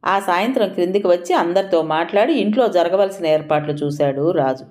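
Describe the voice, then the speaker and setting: A woman narrating an audio story in an even, measured reading. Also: on the low side.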